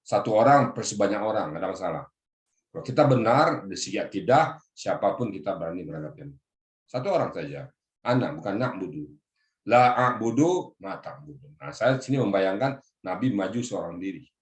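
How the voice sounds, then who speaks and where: Deep-voiced man teaching Quran grammar. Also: lively intonation, brisk, echoey room. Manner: explains word by word, addresses listeners as Pak. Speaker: religious teacher. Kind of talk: Quran exegesis lesson to a group. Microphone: video call.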